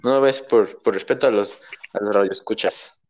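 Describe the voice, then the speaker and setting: A man's voice: on the low side, moderate pace. A young man with a Mexican Spanish accent hosting a casual podcast, joking and rambling with crude slang. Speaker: podcast host.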